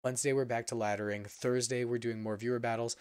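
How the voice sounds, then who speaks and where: A young man with a hoarse voice that is giving out from being sick, giving a casual, rambling update as a gaming channel host. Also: mid-range voice, level tone, fast talker, a little mellow, no room sound, studio quality. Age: young adult. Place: indoor room at a computer.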